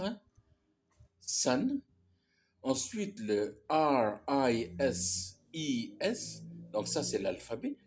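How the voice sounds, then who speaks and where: A man teaching English sounds in a slow, patient lesson, spelling letters out and repeating words. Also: mid-range voice, a little mellow.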